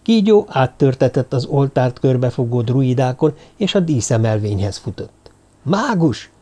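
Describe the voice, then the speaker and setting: A male audiobook narrator with a dark, mellow voice and mid-range pitch. He reads in a measured, even storytelling manner, scripted and steady.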